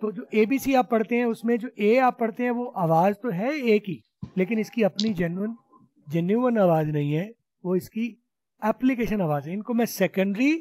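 A man's voice: high-pitched, normal speed, darkish tone, no room sound. A man teaching spoken English in an online class, patiently explaining and repeating sounds for students to copy. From Pakistan. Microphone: video call.

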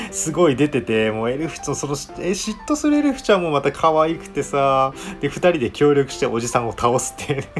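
A man giving a casual, chatty review of an anime episode, laughing often between his remarks. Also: medium pitch.

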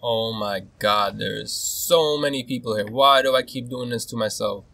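A young man commentating his own game as he plays, excitable and swearing, swinging between nervous muttering and loud outbursts. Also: mid-range voice, moderate pace, vocal fry. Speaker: gaming video host. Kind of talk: casual gameplay commentary.

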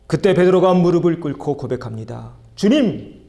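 Gravelly-voiced Korean pastor preaching a sermon. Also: male voice, fairly high pitch, expressive, unhurried, a little mellow. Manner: asks the congregation questions and leads group reading. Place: church sanctuary.

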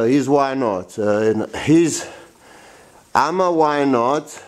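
A man in his forties giving a rambling, blunt workshop tour in a large wooden boat shed, filming himself with a handheld camera. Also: lowish voice. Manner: rambling, blunt and animated, with many restarts. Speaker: boatbuilder vlogger. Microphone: handheld camera at arm's length.

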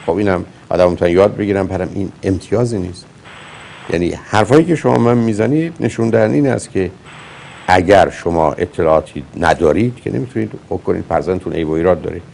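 A man's voice: low voice, vocal fry, darkish tone, a little hiss or hum. A man hosting a call-in advice show as a psychologist, blunt and lecturing with his caller. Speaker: psychologist host.

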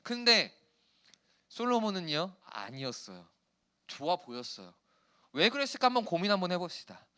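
A man in his thirties preaching a youth sermon in a church, animated and teasing his teenage listeners in casual speech. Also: high voice, moderate pace, pauses often, smooth. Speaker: youth pastor. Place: church hall.

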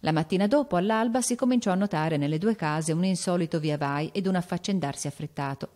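A woman narrating an audiobook in a steady, measured reading voice. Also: on the low side.

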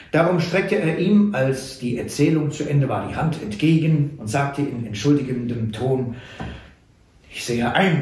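A man reading an adventure novel aloud in a measured storytelling way. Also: medium pitch, darkish tone. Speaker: reader. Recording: echoey room.

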